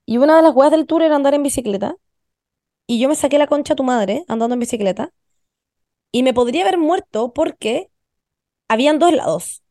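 A young woman with a Chilean accent carries the podcast, spinning stories in quick, slangy, animated chat full of swearing. Her voice sits a touch high and is captured close and dry, with no room sound. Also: dry recording. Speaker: podcast host. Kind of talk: casual chat.

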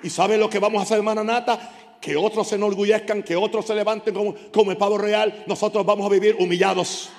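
A male pastor preaching a fervent sermon in church, shouting at times and breaking into tongues. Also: sits high, steady tone, fast, vocal fry. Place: church hall. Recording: church hall with long reverb.

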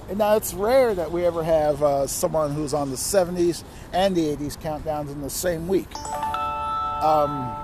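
A man hosting a music top ten countdown in a casual, rambling way, with frequent asides. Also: on the high side. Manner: chatty, rambling, self-interrupting asides. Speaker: music countdown show host.

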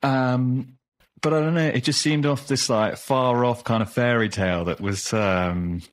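A man's voice: mid-range voice, steady tone, unhurried. A man hosting a podcast, talking in an enthusiastic, effusive way in a casual interview chat. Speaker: podcast host.

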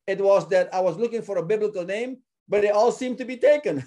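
Male guest from Suriname, earnest and halting, fairly high, warm tone. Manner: earnest, often repeats words while searching for them. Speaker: ministry founder, guest. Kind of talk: casual interview talk.

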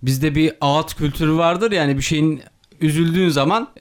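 A man's voice: a little high, moderate pace. A man co-hosting a podcast, chatting bluntly and swearing casually. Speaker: podcast co-host. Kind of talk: casual chat.

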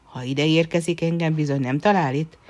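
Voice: medium pitch, steady tone, darkish tone, slight background noise, close to an everyday voice. A young fairy-tale prince, put on by a storyteller, earnest and lovesick. He speaks with a stubborn, pleading sincerity.

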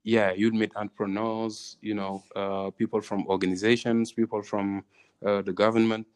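A man with a Senegalese accent gives conversational interview answers. His voice sits on the low side and moves very little in pitch. He is hesitant, often repeating a phrase before he carries on. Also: flat delivery, moderate pace, smooth. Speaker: interviewee, tourism venture co-founder.

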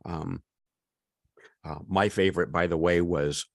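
A man's voice: low-pitched, fairly even intonation, unhurried, creaky. A man in his fifties co-hosting a podcast, telling a long story in casual chat with many restarts. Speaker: podcast co-host.

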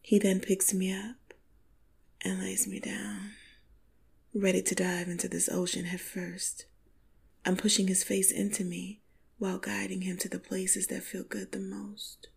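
A woman narrating an intimate first-person story in a slow, sultry, breathy half-whisper. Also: mid-range voice, level tone, a little mellow. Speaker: podcast storyteller.

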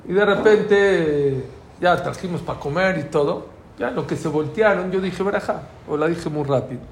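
A middle-aged man, Mexican Spanish accent, slightly high voice, normal speed: he's giving an informal religious class built around anecdotes. He tells them vividly, playing out the dialogue, in an echoey space with faint background noise.

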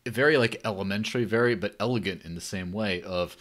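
Bright low-voiced man telling stories. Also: fast. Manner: animated storyteller, acts out quotes. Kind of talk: casual panel chat.

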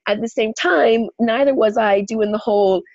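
A woman co-hosting a podcast who is a little under the weather and sounds husky and breathy, her voice sitting slightly high. She talks in an animated way, acts out her inner voices and laughs often. The recording is dry but dull and lo-fi. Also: moderate pace, no room sound. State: sick, clearing throat and coughing. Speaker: podcast co-host. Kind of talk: casual chat.

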